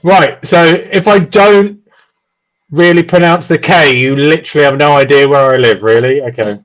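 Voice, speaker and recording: A man giving relaxed, dry, chatty live commentary on a race, with many pauses and "um"s. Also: a little high, low-quality recording. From United Kingdom.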